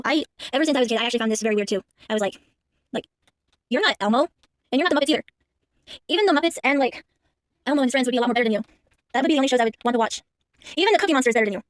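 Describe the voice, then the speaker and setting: A young woman rambling through a movie reaction, talking very fast with a lot of fillers and restarts. Her voice is high, and it sounds dry and close, with no room echo. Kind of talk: casual movie commentary.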